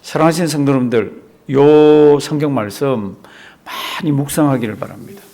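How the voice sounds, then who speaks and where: A middle-aged man, a pastor, teaching a Bible class. He reads scripture slowly and with emphasis, and keeps asking the class questions and answering them himself. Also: medium pitch, warm tone.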